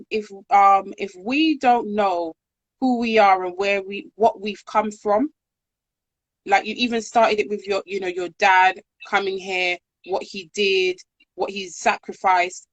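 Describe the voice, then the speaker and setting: A woman hosting a podcast, chatting casually and telling stories in an animated way. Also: medium pitch, no echo. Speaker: podcast host. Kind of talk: casual interview chat.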